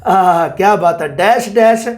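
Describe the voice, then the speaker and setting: Male teacher, high voice, chatty exam-prep lecturer who repeats and quizzes. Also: measured pace.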